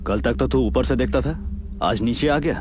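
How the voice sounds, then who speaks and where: A man's voice: mid-range voice, moderate pace, close to an everyday voice. Dub role: a man as a stern protester, mid voice, noisy track. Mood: warning. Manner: stern, warning. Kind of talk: Hindi film dub.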